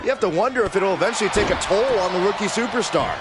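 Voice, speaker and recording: A man playing an excitable wrestling commentator in a video game, calling moves in emphatic shouts over loud noise. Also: high-pitched, quick pace. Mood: excited, urgent. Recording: loud arena crowd and impact noise.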